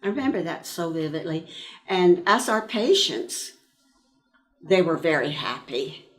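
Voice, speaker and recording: Her lowish voice carrying lively intonation, a World War II army nurse veteran in her nineties from eastern Pennsylvania, USA, reminisces for an oral-history interview. She recalls her nursing years slowly and reflectively, stopping often between phrases.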